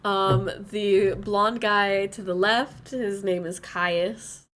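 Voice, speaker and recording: A woman's voice: mid-range voice, fairly even intonation, extremely slow, a bit bright. A woman co-hosting a casual podcast in an ordinary mid-range voice. She is matter-of-fact when she corrects her co-host, and laughs often. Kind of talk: casual chat.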